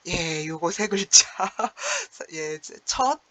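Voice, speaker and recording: Chatty teacher with a lively explaining tone. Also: medium pitch, drawn-out words, no echo. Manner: chatty, explanatory, frequent "yes" and "like" fillers; acts out the poem's lines with sighs and chuckles. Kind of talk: online class lecture on classical poetry.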